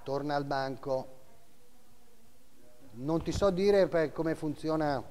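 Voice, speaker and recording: Seated at a desk in a large, echoing auction room, this middle-aged man takes bids live, barking lot numbers and amounts in brief bursts and repeating figures frequently. He speaks slowly in a mellow, rather high voice.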